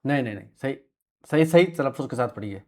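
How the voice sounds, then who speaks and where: A man's voice: medium pitch, expressive, quick pace. A man teaching Quranic Arabic words to a class, patiently correcting pronunciation and confirming answers. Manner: clears throat often, soft short confirmations. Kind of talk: classroom lesson with students.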